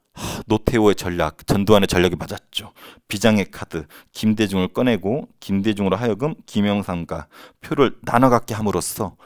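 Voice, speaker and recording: A man teaching history in a casual, animated lecture style, acting out quotes and crowd chants. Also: fairly low pitch, no echo, studio quality.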